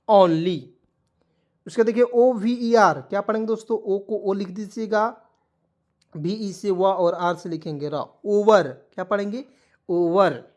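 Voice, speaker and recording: Man teaching pronunciation, coaxing and repetitive. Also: sits high. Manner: repetitive, coaxing, keeps asking what it reads as; motivational asides, addresses viewers as friends. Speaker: English teacher. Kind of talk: blackboard lesson explaining spelling and pronunciation.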